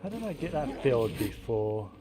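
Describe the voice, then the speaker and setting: Very animated yet moderately paced, this mid-range male voice belongs to a game streamer muttering running commentary and cursing casually. Game music plays behind him.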